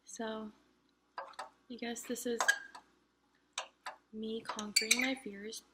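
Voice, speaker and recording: Young woman eating on camera and chatting, a bit high voice, mouth full sometimes, noisy background. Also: little pitch movement, slow. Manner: chatty, self-encouraging, talks with mouth full. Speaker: mukbang vlogger. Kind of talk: casual chat to camera while eating. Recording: noticeable background noise.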